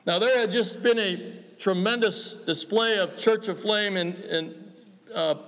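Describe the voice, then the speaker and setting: Male preacher, American accent, high voice, long hall reverb, emphatic exhorting delivery, deliberate pauses. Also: a bit bright. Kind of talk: revival-style church sermon. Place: large church or hall, preaching to a congregation.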